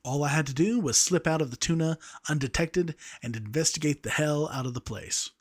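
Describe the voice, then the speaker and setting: A man's voice: fairly high pitch, fairly quick. A young man reading a story aloud, amused by the text he narrates. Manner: amused, breaks off to laugh at the text.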